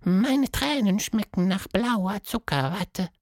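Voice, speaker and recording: A tiny, playful tentacled creature from a children's storybook squeaks its lines high and with wide swings. The voice stays earnest and eager. The recording is dry and close. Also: male voice, animated, slow, no echo, exaggerated voice. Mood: squeaky, pleading. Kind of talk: storybook narration.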